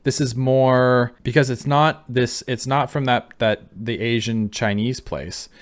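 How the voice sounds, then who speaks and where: A man's voice: mid-range voice, unhurried. A man giving casual reaction commentary, musing and thinking aloud as he goes. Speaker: video reactor. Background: faint music.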